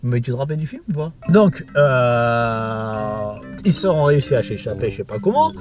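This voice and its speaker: A man's voice: mid-range voice, sing-song, moderate pace, a little mellow, soft background music. A man talking casually and drunkenly, rambling through a film recap in repetitive, sweary slang and losing his thread. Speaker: video host.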